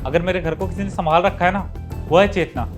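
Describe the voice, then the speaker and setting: A protective son-in-law, played by a man, firm and reproachful, with a fairly high voice. Faint music sits behind the dialogue. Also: steady tone, brisk, close to an everyday voice. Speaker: husband character. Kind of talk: family drama acting.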